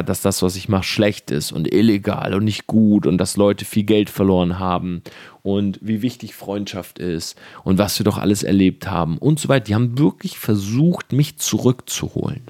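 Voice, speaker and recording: A man's voice: low voice, a little mellow, no echo, clean studio sound. A young man talking earnestly and directly to the listener in a casual motivational monologue, with fillers and the odd swear word.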